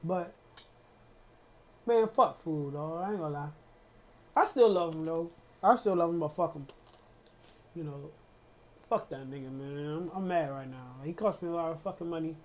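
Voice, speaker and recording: A man's voice: a little high, normal speed, long pauses. A man hosting a casual solo podcast, ranting in a heated, profane way with lots of slang and fillers. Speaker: podcast host.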